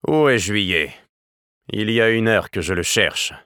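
A man's voice: on the low side, expressive, unhurried, sharp tone, smooth, no echo, clean studio sound. A man reading a novel aloud and voicing a stern, sarcastic father with a cutting tone. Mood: curt. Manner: curt, cutting delivery. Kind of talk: audiobook character voice.

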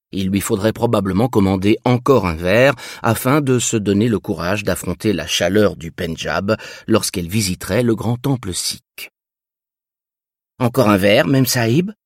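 A man reading a novel aloud as narrator, in an expressive, measured way. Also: fairly low pitch, dry recording, studio quality. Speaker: audiobook narrator. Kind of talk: scripted narration.

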